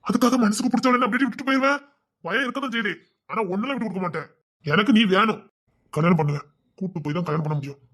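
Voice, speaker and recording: Brief: a man as a lovesick youth with a lilt, high voice, rapid patter, fretful and pleading. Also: a bit bright. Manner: fretful rambling inner monologue, then pleading. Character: lovesick young village man, restless, scheming to elope. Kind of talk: audio love-story drama.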